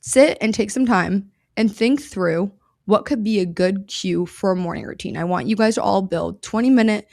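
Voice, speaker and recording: A woman's voice: mid-range voice, moderate pace, gravelly, a little mellow, no echo, studio quality. A woman hosting her own podcast, talking casually and upbeat as she teaches, repeating phrases for emphasis. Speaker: podcast host. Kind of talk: casual instructional podcast talk.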